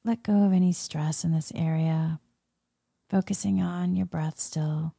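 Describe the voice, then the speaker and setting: Female meditation leader; soothing half-whispered murmur, very dark mellow tone, dry close sound. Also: low voice, fairly even intonation, a little slow, no room sound. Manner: soft, breathy, soothing spa-like murmur, often slipping into whisper. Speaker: guided meditation leader, Reiki healer. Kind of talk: soft guided meditation.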